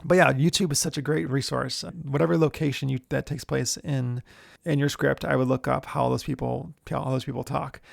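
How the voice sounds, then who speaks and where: A man who hosts a screenwriting show, giving writing tips in a relaxed, chatty way. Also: mid-range voice, moderate pace, gravelly. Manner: relaxed, chatty, many fillers. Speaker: screenwriter and podcast host. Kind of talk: casual instructional talk.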